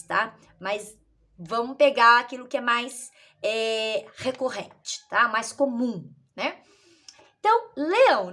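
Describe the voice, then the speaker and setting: A woman teacher, explaining literacy activities in a lively way and acting out children's answers. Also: a little high.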